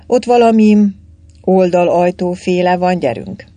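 A man's voice: high-pitched, warm tone, no room sound, natural voice. A man reading the part of a flustered, tipsy young man in a story, speaking in a pleading way. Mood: muttering.

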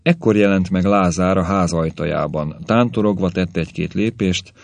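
A man narrating a story as an audiobook, in a calm, measured way. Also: sits low, creaky, dry recording.

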